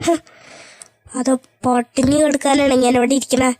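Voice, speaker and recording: A woman's voice: high-pitched, level tone, moderate pace, a little mellow, no echo, lightly acted. A woman voicing a stern, proud mother in an amateur fan drama, scolding in a commanding way. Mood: scornful. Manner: scolding, commanding, then frantic pleading. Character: stern, proud mother who later panics over her son.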